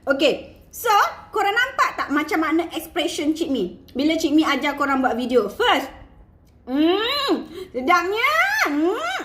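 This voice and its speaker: A woman's voice: high-pitched, animated, moderate pace, reverberant. A Malaysian woman giving casual, playful marketing tips to her sales team, mixing in English words and laughing often. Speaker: online seller coaching her team.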